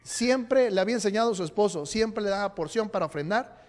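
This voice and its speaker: Pastor preaching, pretty high voice, long hall echo, jokes around with the crowd and asks them stuff. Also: male voice, animated, a little fast. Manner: playful, jokes and quizzes the congregation. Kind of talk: sermon. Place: church sanctuary. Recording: long church hall reverb.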